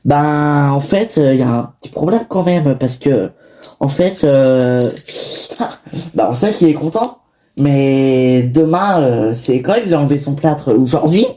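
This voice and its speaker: A woman's voice: extremely low pitch, expressive, a little slow, mellow. A woman voicing a tired mother of a big family in a toy-figure series, rambling with lots of fillers and restarts. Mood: weary. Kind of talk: improvised home-video voice acting.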